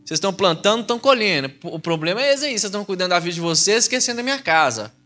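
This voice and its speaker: A man's voice: high voice, very animated, sharp tone, full character voice. A man with a Mineiro Brazilian accent voicing God as he scolds his people in a plain, folksy way during a sermon. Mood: chiding. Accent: Mineiro Brazilian Portuguese. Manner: quick, chiding, folksy.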